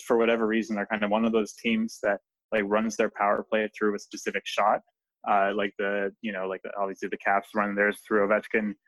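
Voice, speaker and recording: A man's voice: on the low side, a bit bright, no echo, rough recording. A man talking hockey as a podcast guest, loose and chatty, full of fillers and restarts. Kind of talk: casual podcast chat.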